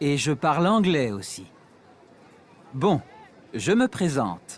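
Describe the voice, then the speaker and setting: A man voicing a friendly young actor introducing himself in a slow, clear textbook dialogue. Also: on the high side, sing-song, slight background noise, full character voice. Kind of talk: scripted textbook audio dialogue.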